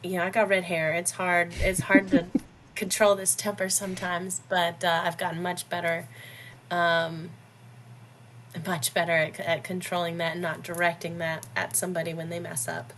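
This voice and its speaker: Woman, 30s, podcast guest; blunt, jokey, quick to laugh, slightly low voice. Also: a little hiss or hum. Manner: blunt, joking, animated, laughs often between phrases. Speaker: podcast guest, business owner. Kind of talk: casual conversational interview.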